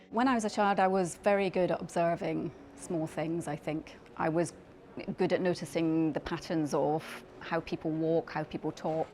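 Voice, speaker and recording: In a profile interview with slight background noise, a middle-aged woman, a paediatric dermatology clinician scientist who is Scottish and grew up in Belgium, reflects carefully on her work. She speaks in a lowish voice, frequently starting over and repeating words as she explains.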